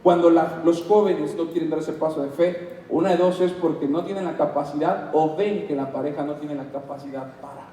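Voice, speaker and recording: A man with a Mexican Spanish accent preaching a sermon as pastor, animated and acting out little dialogues. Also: on the high side, brisk, a little hiss or hum. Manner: animated, acts out dialogues in put-on voices. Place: church hall. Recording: echoey hall, mic at a distance.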